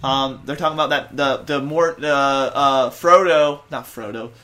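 A man co-hosting a casual podcast, talking in an animated, argumentative way. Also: medium pitch, moderate pace. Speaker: podcast co-host. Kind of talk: casual chat.

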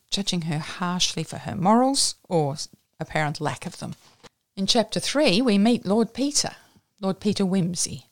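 A woman's voice: fairly low pitch, no room sound, studio quality. A woman with an Australian accent reading a novel aloud and summarising it in a plain-spoken, unfussy way. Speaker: reader.

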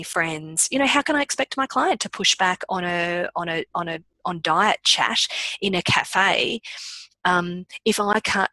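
An Australian woman with a bright, clear voice asks and chats in a relaxed interview, sounding eager and engaged. Her voice sits a little low, and the recording is dry and close. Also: no echo, rough recording. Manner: enthusiastic, warm interjections. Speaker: interviewer, dietitian. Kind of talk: casual interview chat.

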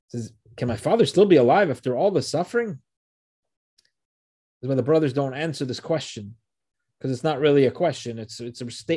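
A man teaching a Torah passage, reading the verses slowly and then translating and explaining them, often asking rhetorical questions. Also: medium pitch, darkish tone.

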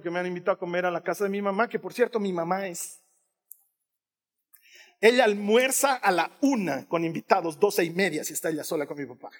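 A man in his fifties preaching a sermon, telling the story with humor and emphatic, repeated phrases. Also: high voice. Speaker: pastor. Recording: long reverb of a large hall.

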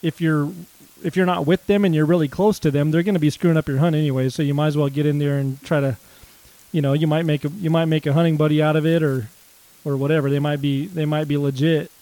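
A man talking hunting in loose conversation, full of restarts and filler. His voice is mellow and a bit high, and the recording is dry and close. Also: steady tone, fast talker, no echo, poor audio. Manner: rambling, lots of fillers and restarts, says dude. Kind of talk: casual chat about duck hunting.

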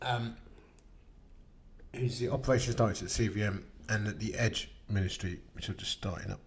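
A man's voice: on the low side, moderate pace. A man with an Essex accent hosting a casual podcast with a blokey, bantering manner. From Essex, England. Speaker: podcast host. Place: echoey open-plan kitchen lounge at home.

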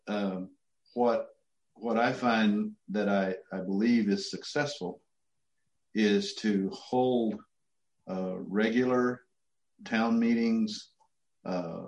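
A middle-aged man gives casual interview answers in a low-leaning voice. He is folksy and halting, pausing often. The sound is muffled, with a strong room echo. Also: darkish tone. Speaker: interview guest, city manager.

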